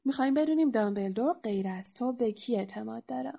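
A woman's voice: a little high, lively intonation. Hermione, coaxing clever schoolgirl, as a woman voices her. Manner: coaxing, insistent.

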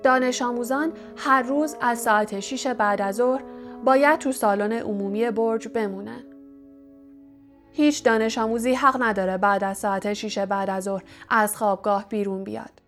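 A woman voicing a stern older female school professor, speaking gravely with a hoarse edge in an audiobook. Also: a little high, fairly even intonation, a bit bright, soft background music. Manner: grave, strict, hoarse-voiced. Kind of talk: audiobook character reading.

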